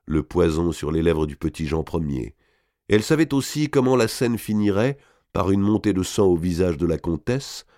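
A man narrating a historical novel as an audiobook, with expressive, measured storytelling. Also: low-pitched, no echo, clean studio sound. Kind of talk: dramatic literary reading.

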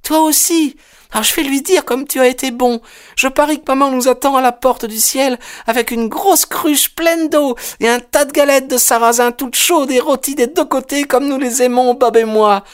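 A woman voicing an eager, chatty little girl, high-pitched. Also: normal speed, lightly acted. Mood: cheerful. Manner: childlike, eager questioning chatter. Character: small chatty innocent girl lost in the desert. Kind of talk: audiobook character voicing.

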